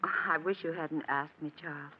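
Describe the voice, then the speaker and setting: An actress in an old-time radio drama playing a lonely, gentle woman resisting forbidden love, earnest and measured. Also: deep voice, steady tone, natural voice. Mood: regretful, firm. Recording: muffled, hissy old radio recording.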